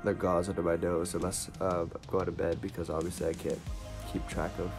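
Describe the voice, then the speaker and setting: A man giving a casual, halting and matter-of-fact video diary update, sounding congested from nose packing. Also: sits low, flat delivery, over music. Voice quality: congested, blocked nose from nose packing after surgery. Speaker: vlogger.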